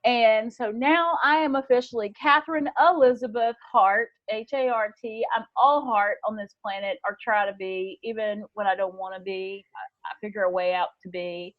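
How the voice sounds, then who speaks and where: A woman co-hosting a podcast, telling a story in an animated, excitable way and acting out what others said. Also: mid-range voice, moderate pace. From Texas. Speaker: podcast co-host. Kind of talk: casual storytelling chat. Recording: dull lo-fi sound.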